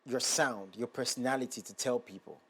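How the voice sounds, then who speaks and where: A man's voice: mid-range voice, fairly quick, fairly bright tone, slightly rough. A man hosting a casual interview in Ghana, friendly and encouraging, calling his guest bro. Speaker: show host. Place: Ghana studio.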